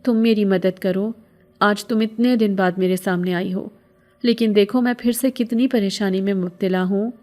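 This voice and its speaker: A woman's voice: medium pitch, steady tone, a little mellow, natural voice. A woman voicing an anxious, grieving widowed mother who pleads tearfully for help. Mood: pleading.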